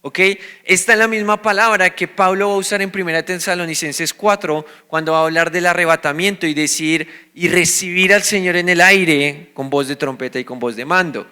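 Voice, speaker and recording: A man's voice: high voice, moderate pace, hardly any pauses, pushed and bright, clean tone. A man with a Colombian accent preaching a sermon as a pastor, explaining scripture and asking his listeners questions that he then answers himself. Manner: teaching, asks the congregation questions and answers them.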